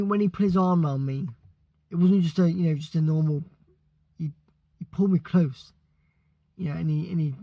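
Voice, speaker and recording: A British man from the UK telling a story casually, excitable and stumbling over his words. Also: a little high, gravelly, dry recording. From United Kingdom. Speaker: vlogger.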